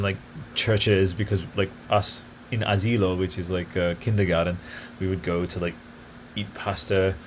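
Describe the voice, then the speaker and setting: A man's voice: sits low, fairly bright tone, slight background noise. Rambling, eager male podcast host. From grew up partly in Italy. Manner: rambling, enthusiastic, many fillers and tangents. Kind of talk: casual solo podcast talk.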